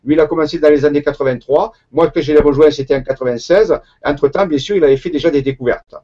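A man's voice: on the high side, fast, warm tone, dull audio. A man with a Marseille accent, speaking as an interview guest in a hesitant way, with lots of fillers and restarts. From Marseille, southern France. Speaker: guest researcher. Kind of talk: conversational interview.

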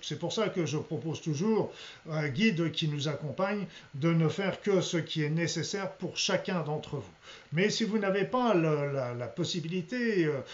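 Higher-voiced male healer, dull recording. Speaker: energy healer leading a remote healing session. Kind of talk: spoken guided healing talk to viewers. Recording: dull lo-fi sound.

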